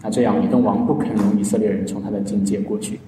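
A man preaching a sermon in a mellow, relaxed voice, earnestly telling a story and drawing out his sentence endings. He sounds far from the mic, his words ringing through a large, echoing hall. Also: on the low side, quick pace, slight background noise. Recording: echoey hall, heard from a distance.

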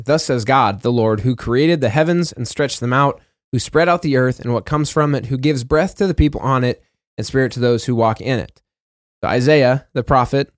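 A man's voice: medium pitch, no echo, studio quality. Plain-spoken man talking through scripture. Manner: conversational, reads scripture passages aloud with fillers and self-corrections. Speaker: co-host of a Bible discussion. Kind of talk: casual Bible study discussion.

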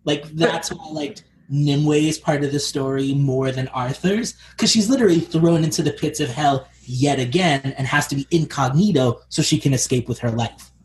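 A man's voice: a little high, moderate pace, hardly any pauses. A man co-hosting a casual podcast chat about a TV show, thoughtful and rambling with fillers. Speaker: podcast co-host. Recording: echoey room with faint noise.

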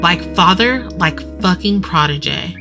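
A woman's voice: on the low side, animated, slow pace. A woman host narrating an erotic audio story in intimate first person, with guitar music behind.

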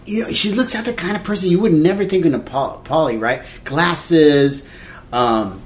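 A man's voice: fairly high pitch, moderate pace, slight background noise. A man in his fifties hosting a casual dating podcast, rambling and often checking for agreement. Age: 50s. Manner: rambling, restarts, seeks agreement with "right?". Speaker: podcast host. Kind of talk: casual chat.

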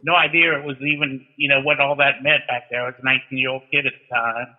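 A man's voice: medium pitch, level tone, quick pace. A man explaining technical matters casually in a folksy storytelling way, like an experienced instructor. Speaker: towing instructor and guest. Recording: thin, narrow-band phone-like line.

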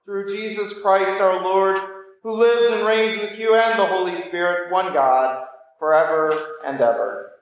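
A woman priest leading a church service, reciting prayers in a measured, solemn manner. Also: medium pitch. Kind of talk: liturgical prayer and greeting. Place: large room, church. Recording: echoey church, far from the mic.

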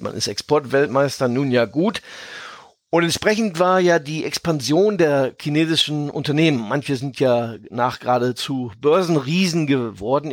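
A man speaking as an expert podcast guest, explaining in a measured, conversational way with genteel phrasing. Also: mid-range voice, no room sound, studio quality. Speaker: podcast guest, fund manager.

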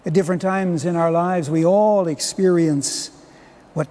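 Mellow-voiced priest in cathedral echo. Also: male voice, on the high side, steady tone, unhurried. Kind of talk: gospel reading and homily. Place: large reverberant church.

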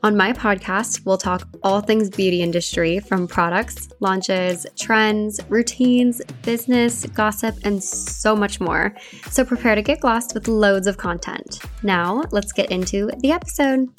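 A woman's voice: mid-range voice, measured pace, faint music behind. A woman hosting a beauty podcast, upbeat and enthusiastic, asking casual questions and often saying "kind of". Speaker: podcast host.

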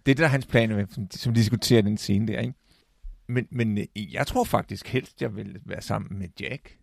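A man with a gravelly voice in a casual film talk, halting with restarts and fillers as he retells scenes. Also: lowish voice, darkish tone, no room sound, clean studio sound.

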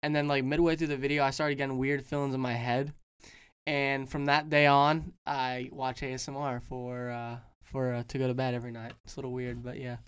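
A man's voice: medium pitch, level tone, brisk, clear, resonant tone. A man in his twenties, a podcast guest telling a rambling, self-mocking story. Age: 20s. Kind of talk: casual chat.

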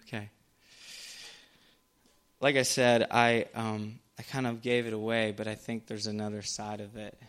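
Casual, bright-voiced young preacher. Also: male voice, lowish voice, flat delivery, measured pace, pauses often, smooth. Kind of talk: sermon.

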